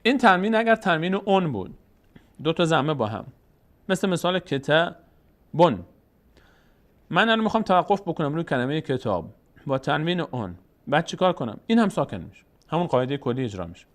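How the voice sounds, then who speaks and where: A man teaching a Quran recitation lesson, patiently explaining rules and slowly drawing out example words. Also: on the high side, sing-song. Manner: patient, asks and answers his own questions, draws out example words slowly. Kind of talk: step-by-step lesson.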